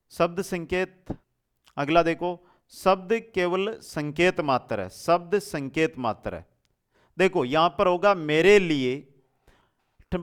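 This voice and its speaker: Man, rajasthani hindi accent, coaching teacher, slow deliberate pace, crisp clear voice, quizzes students. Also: high-pitched. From India. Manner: addresses students as brother and dear, asks and answers his own questions. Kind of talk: exam coaching lesson.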